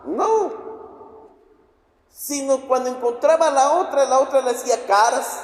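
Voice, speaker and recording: A man's voice: very high voice, unhurried. A man preaching a sermon, dramatic and piling up repeated phrases. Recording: echoey hall with long reverb.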